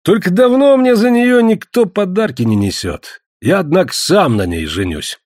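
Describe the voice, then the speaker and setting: A man voicing a sly, mocking trader who banters loudly and teases everyone. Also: high-pitched, big pitch swings, normal speed, dry recording, clean studio sound, pitched above the performer's own voice. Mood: joking. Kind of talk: audiobook character voice.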